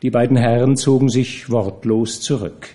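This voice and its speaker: A man reading a classic novel aloud as an audiobook narrator, expressive and measured. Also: medium pitch. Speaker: audiobook reader. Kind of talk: scripted narration.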